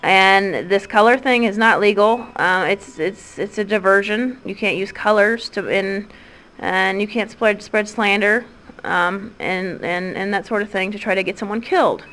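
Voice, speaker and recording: Speaking unhurriedly in a mid-range, slightly bright voice, a thirty-something woman with a Midwestern US accent rambles through a recorded voice message. Ums fill her frequent hesitations, and she often begins sentences again.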